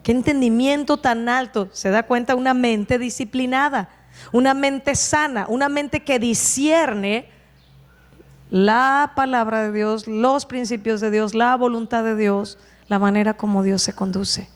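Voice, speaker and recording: Woman preacher, high voice, lively sermon delivery with rhetorical questions, long hall echo. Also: a little slow. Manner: animated, asks the congregation rhetorical questions. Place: church hall.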